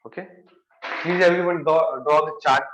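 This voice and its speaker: A man's voice: on the high side, fairly even intonation, moderate pace, a bit bright, reverberant, slight background noise, poor audio. A young man with a Marathi accent giving an exam-prep lecture, repeating key phrases and stressing words. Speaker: engineering lecturer.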